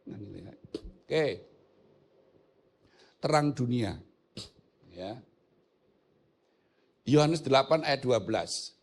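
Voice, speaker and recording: A man's voice: mid-range voice, expressive, slow, vocal fry, long pauses. An older man with a Javanese accent, a pastor teaching a church theology class, joking and asking his listeners rhetorical questions in casual speech. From Indonesia. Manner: mixes in colloquial local words.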